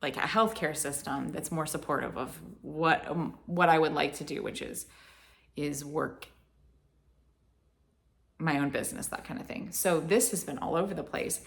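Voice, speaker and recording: Deep, creaky and fairly bright, this woman's voice moves at a normal pace. She's a Florida vlogger with a mild Southern American accent, meandering as she talks to camera with frequent fillers and restarts.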